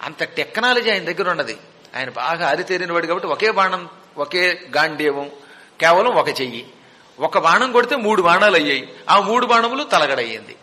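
A man with a high, bright voice tells an epic tale as a religious discourse, asking his listeners questions and acting out the moments with drama. His voice rings through a hall with a long reverb tail. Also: animated, moderate pace. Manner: dramatic, rhetorical questions, chants verses.

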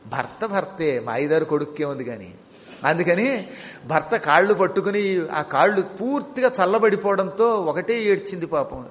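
A man's voice: high-pitched, animated, moderate pace. A man retelling an epic story in a devotional discourse, explaining the story as he goes. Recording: long hall reverb.

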